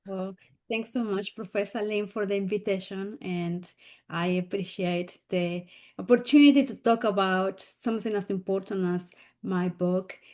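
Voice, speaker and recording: Woman from peru giving a book talk, earnest, middling pitch. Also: fairly even intonation, moderate pace, darkish tone. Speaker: guest speaker, author. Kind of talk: academic talk.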